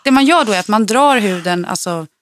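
Woman, trainer, lively storyteller, dry close mic. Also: mid-range voice, no echo. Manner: lively storyteller, swings up when excited. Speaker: personal trainer and podcast co-host. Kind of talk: casual podcast chat.

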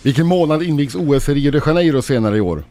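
A man reading quiz questions at a brisk, even pace on a morning radio show. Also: fairly high pitch.

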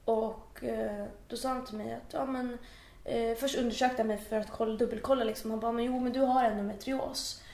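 High-voiced young woman telling her story. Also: gravelly. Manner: animated storyteller who acts out quoted dialogue. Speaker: podcast guest. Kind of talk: casual conversation, personal story. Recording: roomy echo.

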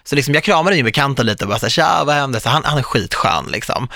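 Animated male podcast host, bright tone. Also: medium pitch, no room sound, clean studio sound. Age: 30s. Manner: animated storytelling, quotes others vividly. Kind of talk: casual podcast chat.

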